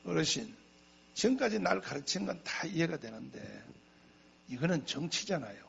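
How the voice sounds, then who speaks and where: A man's voice: fairly high pitch, normal speed, vocal fry, muffled recording, slight background noise. A male pastor preaching a sermon, telling stories with emphatic repetition and chuckling asides. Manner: emphatic, repeats phrases for effect; animated storytelling with chuckling asides. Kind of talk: sermon to a congregation.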